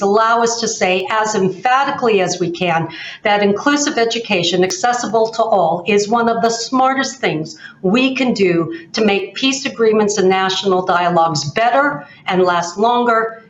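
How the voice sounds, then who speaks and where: Woman giving a measured formal speech. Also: mid-range voice, slight background noise. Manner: measured, emphatic. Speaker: panel speaker, head of a peace institute. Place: remote video call. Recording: echoey room, slightly dull sound.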